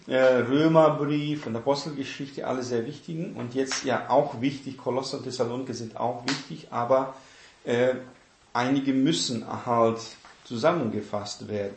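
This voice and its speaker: Slow-talking man teaching a Bible lesson. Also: mid-range voice, roomy sound, a little hiss or hum. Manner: explains step by step and repeats key words, often asks "ne?".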